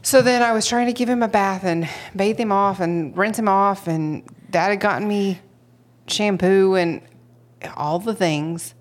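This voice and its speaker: A woman co-hosting a podcast who tells stories in casual chat, animated and laughing often. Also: medium pitch, unhurried. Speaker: podcast co-host.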